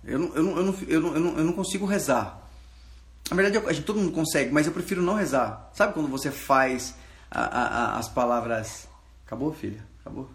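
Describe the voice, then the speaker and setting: A man's voice: a little high, expressive, fast talker, roomy sound. A man with a Brazilian Portuguese accent, a pastor giving an informal sermon, preaching in a casual, slangy way and talking straight to his listeners.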